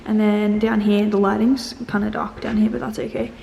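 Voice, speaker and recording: A woman's voice: medium pitch, flat delivery, normal speed, creaky, warm tone, highs cut off. A young woman chatting casually to viewers as a vlogger, her voice echoing around bare, unfurnished rooms as if under a bridge. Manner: chatty, informal, apologetic asides. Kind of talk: casual vlog narration, house tour. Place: indoors, unfurnished house with hard echo. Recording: echoey empty house rooms, noisy background.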